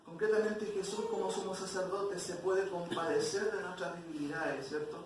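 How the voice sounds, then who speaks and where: A man's voice: sits high, steady tone, moderate pace. A man teaching an expository Bible class, often asking the class questions. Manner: questions the class, frequent "¿cierto?". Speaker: Sunday school teacher. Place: church hall. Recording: very echoey church hall from far off, noisy.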